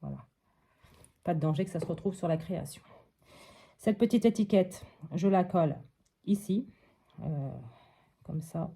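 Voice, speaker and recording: A woman's voice: fairly low pitch, unhurried, creaky, pauses often, slightly rough. A woman from France talking through a scrapbooking project step by step, with frequent fillers and little "hop" sounds as she works. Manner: narrates each step with many fillers and soft "hop". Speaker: crafting vlogger. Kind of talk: casual crafting commentary.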